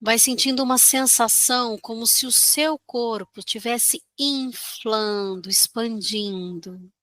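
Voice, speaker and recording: Brazilian female meditation guide: soothing delivery, higher-pitched and clearly bright, gentle instructions with generous pauses. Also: dry recording.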